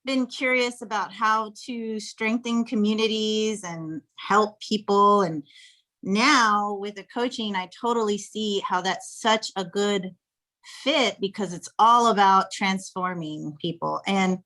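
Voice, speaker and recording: A lively woman in her thirties from Texas talks as a podcast guest. She is animated and playful, with frequent laughter running through her casual chat. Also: medium pitch, slow pace. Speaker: podcast guest, flirt coach.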